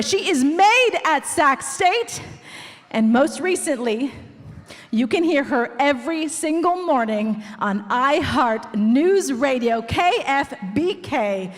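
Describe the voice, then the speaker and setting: A woman hosting a live event, energetic and cheering the crowd on, a little out of breath. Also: sits high. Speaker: event host. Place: large school auditorium with audience. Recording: echoey hall with crowd.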